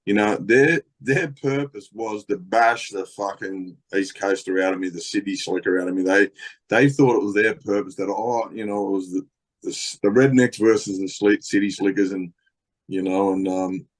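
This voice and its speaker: A man's voice: fairly low pitch, moderate pace. A middle-aged Australian man telling stories as a podcast guest, rambling, swearing a lot, with many fillers. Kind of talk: casual storytelling.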